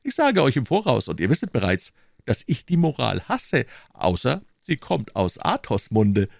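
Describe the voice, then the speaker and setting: A man's voice: mid-range voice, huge pitch swings, moderate pace, gravelly, dry recording, clean studio sound, voice pushed up, full character voice. Aramis, a man voicing a sly witty musketeer. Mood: cutting. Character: sly, witty young male musketeer and would-be abbé. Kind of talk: audiobook character reading.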